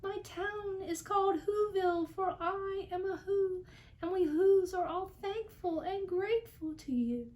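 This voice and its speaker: A woman's voice: very high-pitched, unhurried, darkish tone, pitched above the performer's own voice. A woman voicing a tiny, friendly, grateful creature mayor in a storybook, with a piping, earnest delivery. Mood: friendly, proud.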